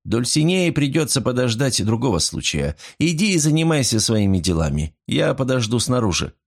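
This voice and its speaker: A man's voice: medium pitch, big pitch swings, normal speed, vocal fry, pitched above the performer's own voice. A man voicing a worldly young man who teases his friend with light irony. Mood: teasing. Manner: teasing, lightly ironic. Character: mocking worldly young male rake.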